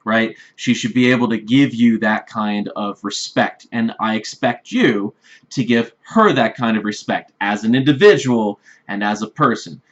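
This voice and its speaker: A man's voice: fairly low pitch, measured pace. Blunt man giving dating advice. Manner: blunt, repetitive, emphatic advice with frequent "right?". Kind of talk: direct-address advice vlog. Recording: slightly dull lo-fi recording.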